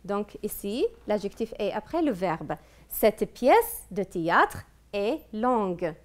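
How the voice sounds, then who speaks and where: A woman's voice: medium pitch, big pitch swings, slow pace. A woman teacher giving a televised review lesson, patiently asking questions and praising answers.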